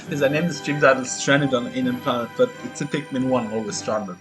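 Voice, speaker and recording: A young man gives casual gameplay commentary, chatty and explanatory, with an easy laugh. His voice sits at a middle male pitch. Game music plays clearly behind him. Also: normal speed. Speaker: streamer.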